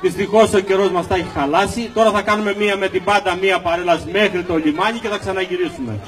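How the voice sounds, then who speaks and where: A man's voice: high-pitched, steady tone, fairly bright tone, some chatter behind. A man announcing at an outdoor event, formally thanking the organizers and explaining what happens next. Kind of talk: public announcement.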